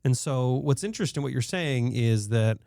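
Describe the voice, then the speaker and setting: A man hosts a podcast in a conversational way, chiming in with reactions and asking long, rambling questions. His voice sits at a middle pitch. The sound is dry and close to the mic. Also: animated, moderate pace, vocal fry, dark tone, dry recording. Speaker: podcast host. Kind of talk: podcast interview.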